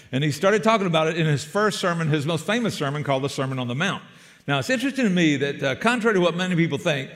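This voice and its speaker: A man's voice: a little high, fairly bright tone, in a large hall. An older man with a South Georgia accent preaching as a guest pastor, folksy and joking and calling for amens. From Savannah, Georgia. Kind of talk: sermon. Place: church sanctuary.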